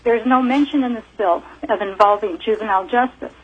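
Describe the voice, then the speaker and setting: A woman's voice: fairly high pitch, brisk, breathy edge. A woman in her fifties giving formal testimony as a teacher and parent, heard over a phone line in a hearing room, earnest and reading prepared points.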